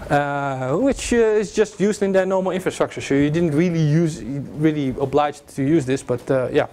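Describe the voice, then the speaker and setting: A young man with a fairly high, warm voice talks at a normal speed, giving a casual security lecture with slides to a class in a room with a projector screen. He jokes, fills with ums, and restarts often. A distant camera in the classroom picks him up with slight background noise.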